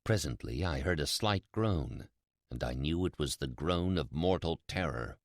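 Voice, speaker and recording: A man playing a sly, mad, gloating murderer in a theatrical, deliberate dramatic reading of a Gothic horror story. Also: a bass voice, lively intonation, dry recording, studio quality, pitched below the performer's own voice. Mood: sinister, hushed. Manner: theatrical, deliberate, drawn-out emphatic repetitions. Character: mad, gloating, sly male murderer confessing his crime.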